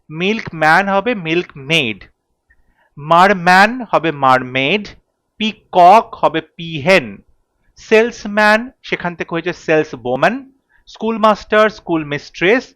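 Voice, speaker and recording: Guy drilling grammar word lists, pretty high voice, dry close sound. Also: no room sound. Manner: lists word pairs in a steady drill, checking in with "ঠিক আছে?". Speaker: English grammar teacher. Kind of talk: classroom grammar lesson.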